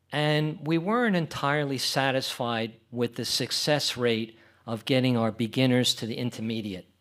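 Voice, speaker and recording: A man giving a conference presentation for a club, talking in a relaxed, reassuring way and slowing down to demonstrate. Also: mid-range voice.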